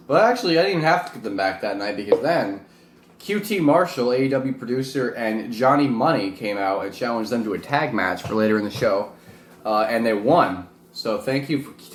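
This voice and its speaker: A man's voice: medium pitch, lively intonation, a little fast. A man chatting casually and informally to camera as a vlog host, rambling a little and poking fun at himself. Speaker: vlog host and amateur wrestler. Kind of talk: casual chat to camera while eating hot wings. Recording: roomy echo with faint background noise.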